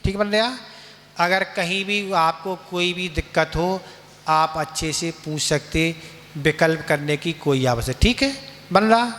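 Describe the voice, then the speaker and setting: A high-pitched man teaches scripture recitation at an unhurried pace. He poses questions and answers them himself, then chants verses slowly with repeats. His voice rings in a long hall reverb. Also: fairly bright tone. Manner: patient, asks and answers his own questions; slow drawn-out chanting with repeats.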